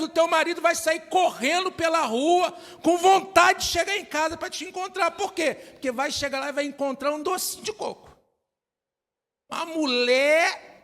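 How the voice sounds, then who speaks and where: A middle-aged man preaches a sermon from the pulpit, his voice pitched high for a man. He drives his points home with repeated questions thrown out to the congregation. The sound carries the long reverb of a church hall. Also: a bit bright. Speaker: pastor.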